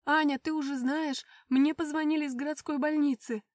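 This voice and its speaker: Woman voicing a frantic aunt, near shouting. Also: sits high, fairly quick, no room sound, studio quality, pitched above the performer's own voice, close to an everyday voice. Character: frantic middle-aged aunt on the phone.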